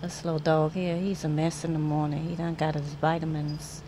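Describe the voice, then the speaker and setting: A woman's voice: deep voice, flat delivery, normal speed, noisy background. A woman filming at home on a phone, talking doting baby talk to her puppy. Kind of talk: casual home video chat. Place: home bedroom.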